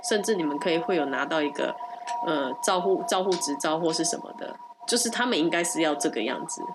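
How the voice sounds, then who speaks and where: A woman's voice: low voice, animated, quick pace, noisy background. A woman with a Taiwanese accent and a stuffy, nasal voice, explaining things in casual podcast chat with firm opinions and repetition for emphasis. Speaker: podcast co-host explaining dog topics.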